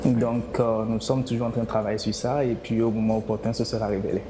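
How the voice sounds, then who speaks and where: A man's voice: fairly low pitch, little pitch movement, fast. A young man from Benin, politely introducing himself as a talk show guest. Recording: echoey room with noise.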